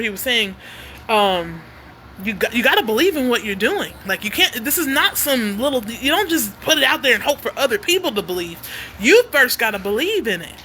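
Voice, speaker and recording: A woman singer-songwriter talks casually to her livestream viewers from home. Her voice sits high and sounds bright and forward. She is animated and quirky, and a faint background hum runs under her talk. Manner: animated and quirky, laughs often. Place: home near a noisy freeway.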